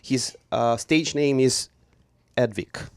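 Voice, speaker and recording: A man hosts a live radio show at a middle pitch. He speaks formally and pauses on many fillers. The recording is dry and close, from a small studio. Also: smooth, no echo. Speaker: radio host.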